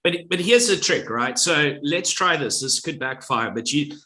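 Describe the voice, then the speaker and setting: A man's voice: fairly high pitch, expressive, moderate pace, pushed and bright. A middle-aged man, a former radio presenter, speaking as a guest on a podcast in a confident, well-projected delivery. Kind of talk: podcast interview.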